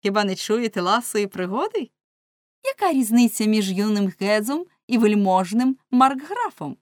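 A woman voicing a band of merry, reckless young women, loud and gleeful. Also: medium pitch, very animated, moderate pace, no echo, studio quality, pitched above the performer's own voice, lightly acted. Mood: teasing. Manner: exclamatory, gleeful.

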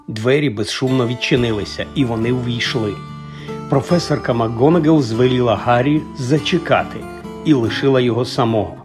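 A man narrating a fantasy audiobook in a measured, even storytelling manner. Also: mid-range voice. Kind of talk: scripted narration.

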